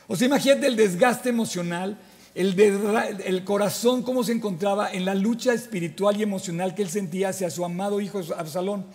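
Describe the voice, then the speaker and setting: A man preaches in a high, bright-edged voice. He reads scripture aloud and retells it with animated asides and frequent restarts. His voice carries a long reverb, as if from a church hall. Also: fairly quick. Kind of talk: sermon with Bible reading.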